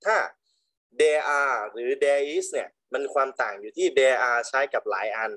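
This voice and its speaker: A man teaching English to primary school children, slowly drilling words with big emphasis on each one. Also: medium pitch, animated, bright, forceful tone. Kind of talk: online English lesson for children.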